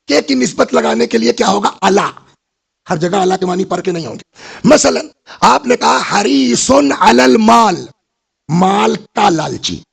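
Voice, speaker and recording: Older man, husky gravelly voice, preaching, storytelling, asks listeners questions. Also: sits high. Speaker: Islamic scholar giving a majlis lecture. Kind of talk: sermon.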